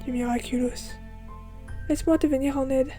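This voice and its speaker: A woman narrating a first-person audio fiction in a soft, melancholic way. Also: high-pitched, steady tone, normal speed, soft background music.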